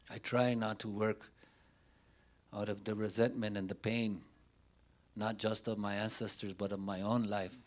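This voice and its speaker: Speaking on a panel at a community forum, this middle-aged man shares personal stories off the cuff, his lowish voice a little mellow. His delivery is deliberate and halting, built from short phrases and pauses. The setting is an indoor forum room in front of a banner, and he holds a handheld mic close to his mouth.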